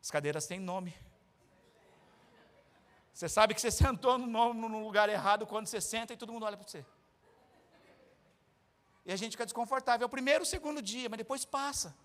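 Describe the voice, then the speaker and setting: A male pastor with a Brazilian Portuguese accent preaching a sermon in a church, animated and jokey as he acts out everyday scenes. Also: sits high, fairly quick, pauses often, in a large hall.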